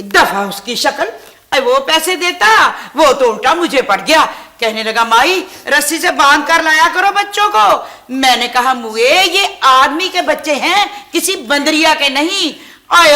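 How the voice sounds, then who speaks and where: A woman's voice: sits high, lively intonation, measured pace, bright, forceful tone, exaggerated voice. An actress playing a quarrelsome, self-pitying widowed grandmother in an old TV sitcom, scolding and complaining dramatically. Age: older.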